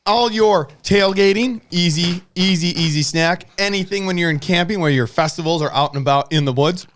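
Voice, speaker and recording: A man co-hosting a casual podcast, animated and quick to laugh, demonstrating a snack recipe. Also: sits high, slight background noise. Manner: animated, laughs often, talks with mouth full. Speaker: podcast co-host. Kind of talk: casual chat.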